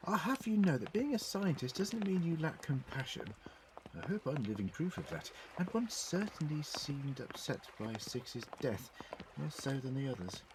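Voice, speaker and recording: A man's voice: a little high, sing-song, normal speed, background noise. A man acting in an audio drama as a courteous, eccentric alien scientist who travels in time, speaking in a wordy, politely formal, theatrical way. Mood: curious, mildly indignant.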